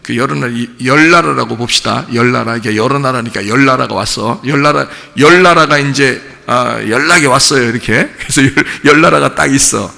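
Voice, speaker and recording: A man preaching a sermon as pastor, talking with the congregation, asking them questions and lively acting out the voices he quotes. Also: medium pitch, a little fast, gravelly, few pauses, big-room sound. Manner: animated, acts out quoted voices and mimics gibberish tongues; conversational, asks the congregation questions. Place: church sanctuary.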